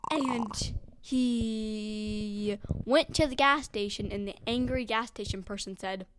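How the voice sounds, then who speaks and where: A young woman with a high, bright-pitched voice jumps in eagerly with wild new twists. Her telling is playful and quick to cut in. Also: slight background noise. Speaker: podcast guest. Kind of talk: improvised storytelling chat.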